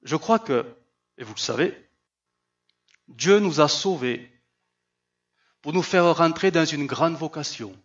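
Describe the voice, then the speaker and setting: Animated male preacher, high lively voice. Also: slow pace, pauses often. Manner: animated, acts out Bible voices, rhetorical questions. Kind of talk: sermon. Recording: slightly muffled recording.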